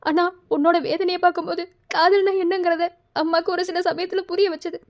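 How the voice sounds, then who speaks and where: A woman's voice: very high-pitched, little pitch movement, a little fast. A woman voicing a mother in a cartoon, soothing and reassuring her grieving daughter. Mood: consoling. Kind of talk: Tamil cartoon voice acting.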